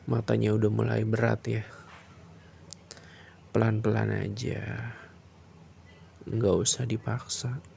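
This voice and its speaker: A man's low, gravelly murmur, warm and mellow, drifting along at an unhurried pace in a soft, breathy bedtime roleplay. His delivery stays flat and soothing, recorded close in a quiet room with a faint hiss of noise behind it. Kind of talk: boyfriend roleplay ASMR.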